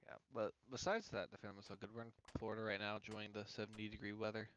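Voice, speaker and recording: Laid-back young man, lowish voice. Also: level tone, fast talker, fairly bright tone, highs cut off, slight background noise. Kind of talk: casual chat. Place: online voice chat.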